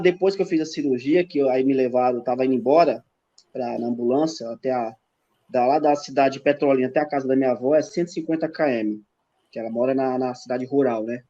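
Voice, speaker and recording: A man's voice: medium pitch, brisk, mellow. A man as a podcast guest, telling a personal faith testimony in casual chat and acting out the dialogue as he goes. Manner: emphatic storyteller, acts out dialogue. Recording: dull lo-fi podcast audio.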